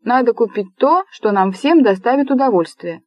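A woman reading a storybook voices a brash, rude young man who talks loudly and bluntly, bossing his family around. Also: fairly high pitch, expressive, normal speed, no room sound, voice pushed up. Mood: eager. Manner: loud, blunt, bossy.

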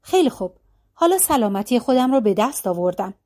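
A woman's voice: on the high side, sing-song, mellow. A woman reading the lines of a scheming old khan in a folk tale, in a plain storytelling voice. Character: scheming sick old khan, cold ruler.

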